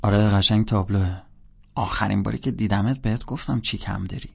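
A smug older college student who brushes off every question with dry, clipped replies, as a man reads him. The voice sits low, with a gravelly, husky grain. The recording sounds dull and lo-fi. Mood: curt.

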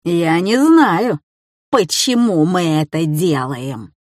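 A woman voicing a cruel young masked man who speaks with a slow sneer. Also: on the low side, very animated, darkish tone, dry recording, studio quality.

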